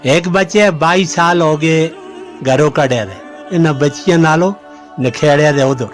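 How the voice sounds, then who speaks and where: An older laboring man with a Hindko accent, speaking haltingly through grief about his family. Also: fairly high pitch, soft background music. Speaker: laborer interviewee. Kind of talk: emotional testimony.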